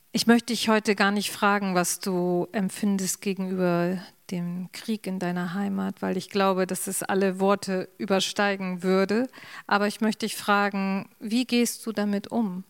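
Calm, even-voiced woman interviewer. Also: mid-range voice, measured pace, clean tone.

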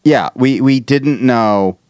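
Smooth-voiced man rambling in casual chat. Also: mid-range voice, takes it slowly, a little mellow, dry recording, clean studio sound. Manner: rambling, laughing, swearing. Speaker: podcast co-host.

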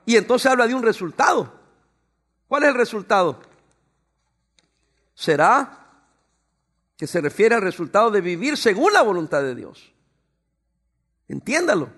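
A man's voice: extremely high pitch, gravelly, fairly bright tone. A man preaching as a pastor, talking to his congregation in a conversational way and acting out short exchanges. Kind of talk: sermon.

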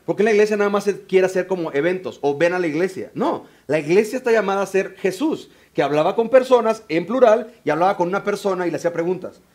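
A high-voiced man with a Mexican Spanish accent preaching to a church congregation. He is lively and joking, slipping into other people's voices to make his point. His delivery is animated and quick to turn. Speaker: pastor and biblical counselor. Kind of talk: sermon.

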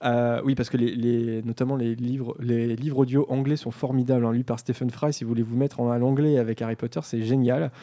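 A man's voice: medium pitch, little pitch movement, a little fast, hardly any pauses, warm tone. A man hosting a casual group discussion, talking with frequent hesitations and fillers. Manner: hesitant, many fillers, friendly. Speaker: discussion host.

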